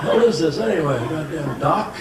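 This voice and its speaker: Man doing a crotchety high-voiced old codger. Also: lively intonation, normal speed, recorded from a distance, lightly acted. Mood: grumbling, muddled. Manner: grumbling, rambling. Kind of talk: stand-up comedy character monologue. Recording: noisy roomy live stage with loud crowd.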